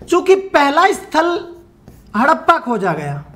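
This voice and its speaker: A man's voice: very high-pitched, wildly swooping pitch, slow, bright, forceful tone. A male teacher giving an online exam-prep lecture. He poses questions, answers them himself and repeats key points for his viewers. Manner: addresses viewers directly, asking for answers in the comments.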